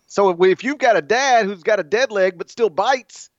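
A man's voice: high-pitched, moderate pace, no echo. Chatty man on a dull podcast mic. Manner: animated, chatty, lots of restarts. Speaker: podcast co-host. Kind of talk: casual sports chat.

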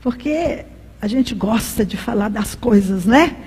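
A woman's voice: a little high, expressive, unhurried, a little mellow, breathy edge, long reverb tail. A woman preaching a sermon, telling a personal story with passion.

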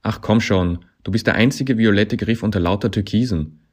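A man's voice: low-pitched, little pitch movement, fairly quick, warm tone, slightly rough. A man voicing a desperate young man stuck on a climbing wall, muttering awkwardly, then pleading and crying out.

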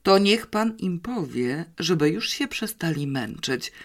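An audiobook narrator voicing a quick-witted, confident schoolgirl who talks eagerly. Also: medium pitch, lively intonation, natural voice. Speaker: child character in an audiobook. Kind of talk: audiobook character reading.

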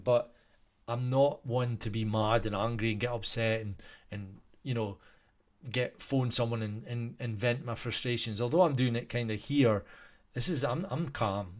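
Rambling Scottish man talking to viewers. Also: mid-range voice. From Scotland. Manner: rambling, many restarts and fillers. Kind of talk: casual monologue to viewers.

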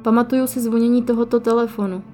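A woman voicing a gentle, playful young female ghost who talks softly and hesitantly. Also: fairly high pitch, steady tone, natural voice. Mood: uncertain. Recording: faint music behind.

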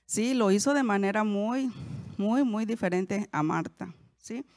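A woman's voice: mid-range voice, a little slow, a little mellow, dry recording, clean studio sound. Conversational woman teaching the Bible. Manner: conversational, asks listeners questions, frequent self-corrections. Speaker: Bible teacher, podcast host.

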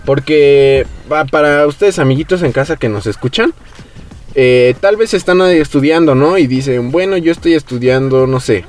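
A young man with a Mexican Spanish accent, hosting a podcast and telling a story in relaxed, slangy chat, acting out the voices of people he quotes. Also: a little high, moderate pace. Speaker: podcast host.

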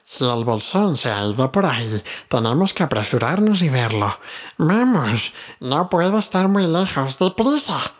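A man's voice: very animated, a little slow. A man voicing a wretched ancient cave creature that hisses, whines and mutters to itself in an audiobook. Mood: scheming. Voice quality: hissing, muttering to himself. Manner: whining, cursing, sudden high outbursts. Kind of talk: audiobook character reading.

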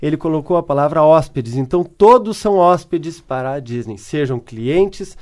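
Brazilian man explaining in a higher voice. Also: darkish tone. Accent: Brazilian Portuguese. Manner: tells stories and worked examples. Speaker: customer service speaker, guest. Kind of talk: explanatory interview answers.

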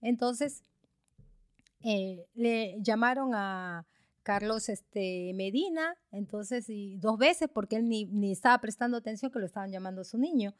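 A woman telling a moral story in a sermon, animated, with frequent fillers. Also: medium pitch, measured pace, no echo, clean studio sound.

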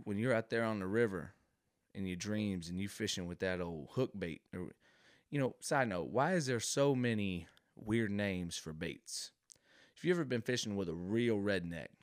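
A man's voice: low-pitched, no echo, clean studio sound. Rambling, slangy comedic storyteller man. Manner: animated, rambling, slangy asides.

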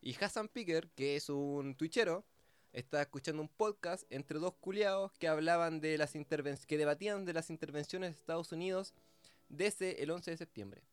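A man's voice: a little high, moderate pace, smooth, no echo, soft background music. A young man with a Chilean accent, chatting casually on a podcast, slangy and joking as he rambles through a story. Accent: Chilean Spanish. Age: young adult. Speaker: podcast co-host. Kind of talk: casual chat.

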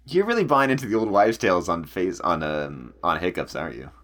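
A man with a very low voice that swings widely in pitch, hosting a casual podcast. He talks in an animated, chatty way and laughs often. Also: fairly quick. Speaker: podcast host. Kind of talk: casual chat.

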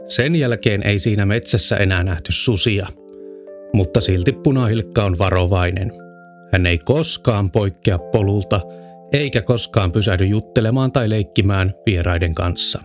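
A man reading a children's fairy tale aloud in a calm, measured storyteller's way. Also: on the low side. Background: faint music.

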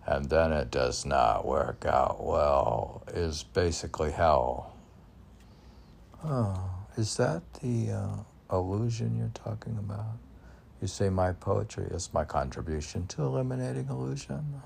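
This poet from the United States reads and comments on his own poetry in a low, gravelly, darkish voice. It's an informal reading full of rambling tangents, where he repeats lines and questions himself aloud over faint background noise.

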